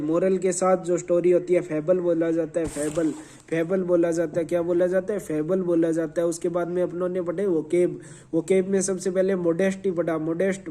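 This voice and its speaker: A male teacher leads a quick revision lesson, repeating answers, quizzing his class and spelling words out letter by letter. His voice is high-pitched and warm.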